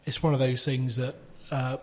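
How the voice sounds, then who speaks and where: A man's voice: mid-range voice, level tone, normal speed, darkish tone. A man in a casual podcast chat, a chatty co-host who likes to tell anecdotes.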